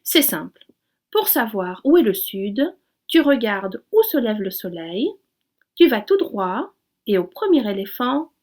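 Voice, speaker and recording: A woman's voice: mid-range voice, a little slow. A woman voicing a boastful, peremptory male blackbird in a storybook reading. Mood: know-it-all. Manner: excitable, peremptory, shouting exclamations.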